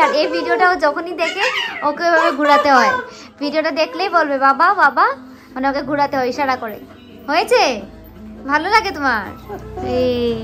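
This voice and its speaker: A young woman talking casually to her viewers in a home and festival vlog, chatty and direct. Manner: chatty, talks to viewers directly, lowers voice to near whisper while baby sleeps. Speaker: vlogger.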